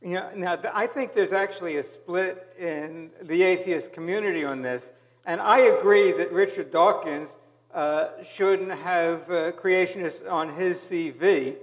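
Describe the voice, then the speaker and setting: A male host questions his guest on stage in a friendly, conversational way. His voice sits notably high for a man. A long hall reverb trails behind him. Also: unhurried. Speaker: event host. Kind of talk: onstage interviewing. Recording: hall reverb from live event.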